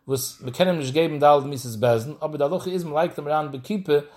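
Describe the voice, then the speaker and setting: A man's voice: a little high, quick pace, a little mellow. Man teaching Talmud in a study chant. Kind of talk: Talmud lesson in Yiddish.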